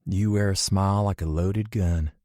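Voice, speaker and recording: Brief: man reading a swaggering rock star, very low voice, dry close sound. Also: fairly even intonation, moderate pace, warm tone, no room sound, close to an everyday voice. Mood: flirtatious.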